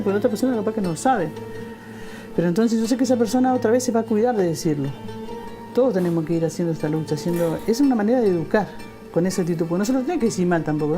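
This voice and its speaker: A woman from Argentina talking earnestly about her own identity in an interview, slowing down to stress her points. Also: mid-range voice. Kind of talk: testimony interview. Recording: music playing under the voice.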